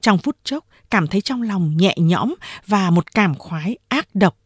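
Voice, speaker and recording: A woman narrating a novel as an audiobook, in a measured storytelling manner. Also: medium pitch, lively intonation, breathy edge, dry recording, studio quality. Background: faint music.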